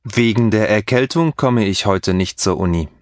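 A man reading scripted textbook dialogue for a language course with slow, careful enunciation. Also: fairly low pitch, no echo, studio quality.

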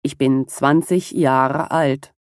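A young woman playing a low-voiced polite student. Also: fairly even intonation, slow, no room sound, clean studio sound. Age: 20s. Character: young woman introducing herself. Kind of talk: scripted textbook dialogue.

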